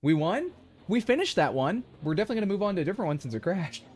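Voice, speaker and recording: A man's voice: high-pitched, big pitch swings, very fast, darkish tone. A young man streaming a game, chatting playfully with his viewers. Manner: playful, chatty, addresses chat. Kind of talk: casual live-stream commentary.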